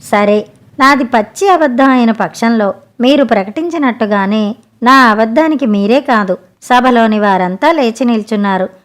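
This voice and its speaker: Wise royal guru, calm and cunning, measured, storybook, woman reading the part, slightly high voice. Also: lightly acted. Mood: composed.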